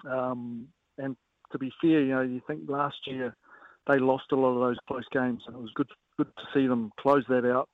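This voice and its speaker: A man giving casual, measured sports analysis as a guest coach, often pausing with filler phrases. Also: medium pitch, little pitch movement, dry recording. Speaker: rugby coach as guest pundit. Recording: narrowband phone-like line.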